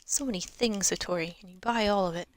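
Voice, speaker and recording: She's a twenty-something game streamer who talks quickly in a medium-pitched voice. While playing, she rambles on in a casual, chatty, self-mocking way.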